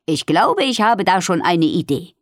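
A woman's voice: on the low side, big pitch swings, moderate pace, no room sound, clean studio sound. A woman voicing an enthusiastic female wild boar inventor in a storybook reading. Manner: eager and enthusiastic.

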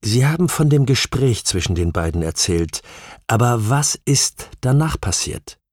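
A persistent male investigator in an audiobook, pressing his questions in a firm, probing way, read by a male narrator. His voice sits at a medium pitch, in a dry, close studio sound. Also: big pitch swings, a little slow, a little mellow, no echo. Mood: insistent. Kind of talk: audiobook reading.

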